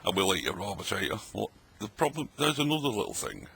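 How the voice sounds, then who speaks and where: Eating old tinned food at his table late at night, a middle-aged man rambles and jokes for a casual vlog, talking with his mouth busy. He's a fast talker with a fairly low, creaky voice whose pitch swoops wildly, and there's background noise.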